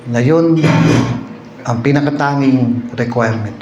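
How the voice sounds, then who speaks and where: Joking Filipino pastor in echoey hall. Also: male voice, mid-range voice, a little slow, dull audio, loud music behind the voice. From Philippines. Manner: lively storytelling with jokes and "no?" asides. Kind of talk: sermon.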